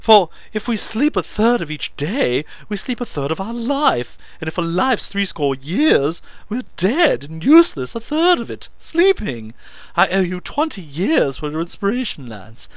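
A shrill, manic alchemist. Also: male voice, a little slow, no room sound, full character voice. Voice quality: shrill, squeaky. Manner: breathless excited blathering.

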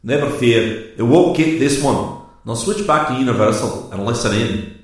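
A tough, gruff Scottish space commander, put on by a man reading a story aloud. The voice sits high above the narrator's own and barks brisk orders with fatherly warmth. It rings in a roomy, echoing space. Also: expressive, close to an everyday voice.

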